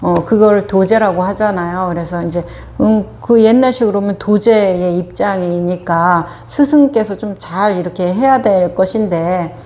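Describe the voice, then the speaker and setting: A woman meditation teacher speaks in a casual, conversational dharma talk, her voice sitting in an ordinary middle register. She tells everyday stories at an easy pace, often pausing on small hesitations as she gathers her thoughts. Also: mid-range voice, a little mellow. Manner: conversational storytelling with frequent hesitations.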